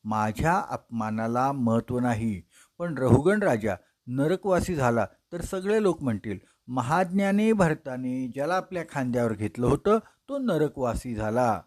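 A man voicing a calm, wise ascetic who explains to a king in a measured, instructive way. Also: medium pitch. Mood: reflective.

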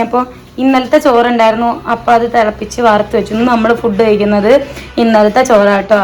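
A young woman talks quickly and loosely to her viewers while cooking at home, with a slightly high, rambling, chatty voice. The phone recording carries clear background noise from the household around her. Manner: chatty, rambling, laughs often. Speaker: vlogger. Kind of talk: casual vlog chat. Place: home kitchen. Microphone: phone camera.

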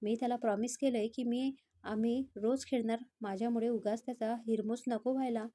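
Moody young college guy thinking aloud, read by a woman storyteller, soft mellow voice. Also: fairly high pitch, fairly even intonation, a little fast, no room sound, lightly acted. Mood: brooding. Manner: musing to himself.

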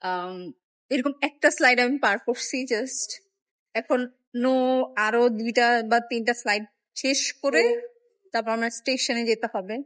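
A woman's voice: on the high side, moderate pace, long pauses, a bit bright. Chatty young woman vlogging on a walkway. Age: young adult. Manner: chatty, wry, self-mocking about being lazy. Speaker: travel vlogger. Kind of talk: casual travel vlog. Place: indoor glass skywalk with moving walkways. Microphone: phone at arm's length.

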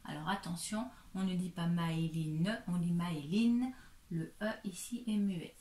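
A woman kindergarten teacher giving a slow, careful reading lesson to a young child, patiently sounding out each syllable. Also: on the low side, fairly even intonation, darkish tone. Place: room at home. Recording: echoey room.

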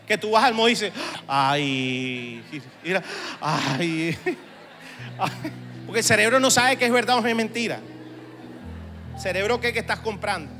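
High, bright-voiced preaching man. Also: fast talker. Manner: humorous, swings from chatty asides to shouted exhortation. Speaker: pastor. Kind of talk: sermon to church leaders. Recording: long hall reverb, faint music.

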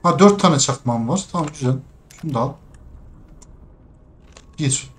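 A young man playing a game and commenting as he goes, cursing and laughing at the controls, muttering quietly while sneaking. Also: fairly high pitch, animated, unhurried. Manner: exasperated, swearing at the game's controls, laughing. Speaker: gaming streamer. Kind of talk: let's play commentary.

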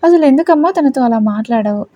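A woman's voice: high voice, expressive, fast, warm tone, lo-fi sound. A woman voicing a cruel, vengeful young husband who speaks harshly. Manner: angry, harsh.

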